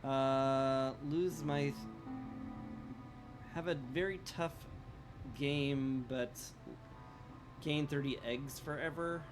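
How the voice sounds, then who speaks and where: A man with a hoarse, smoker-like rasp giving casual, rambling live commentary as a video game streamer, with a wry, self-deprecating way of talking. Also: medium pitch, steady tone, slow pace, long pauses. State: strained, hoarse throat. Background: music.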